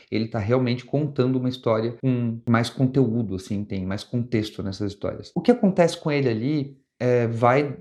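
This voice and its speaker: A young man who hosts a comics review channel speaks casually with a Brazilian Portuguese accent, often restarting and rephrasing his thoughts as he goes. His voice is mid-range with a darkish tone.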